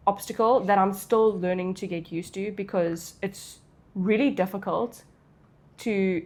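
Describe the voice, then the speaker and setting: A woman from South Africa talks casually in a Q&A. She has a South African English accent and a medium-pitched voice. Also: a little slow, darkish tone. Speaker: content creator. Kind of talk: casual Q&A chat.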